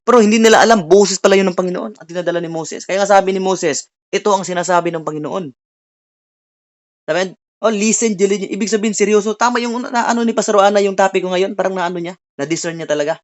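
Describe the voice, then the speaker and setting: A preacher giving a sermon, switching between Tagalog and English, often checking in with listeners through tag questions and reading scripture slowly before explaining it. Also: mid-range voice, muffled recording.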